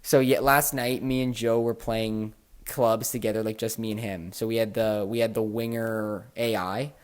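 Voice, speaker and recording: Man, podcast host, casual chat, animated storytelling, frequent swearing. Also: on the low side, moderate pace, clear, resonant tone.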